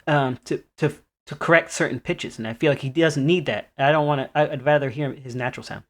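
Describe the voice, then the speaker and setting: A man co-hosting a podcast in casual chat, laughing often while giving relaxed opinions. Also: a little high, brisk. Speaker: podcast co-host.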